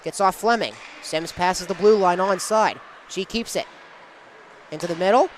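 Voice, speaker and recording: A male sportscaster with a high-pitched voice calls live play-by-play in short, clipped phrases at a moderate pace. He tracks the action moment by moment while some venue noise sits behind him.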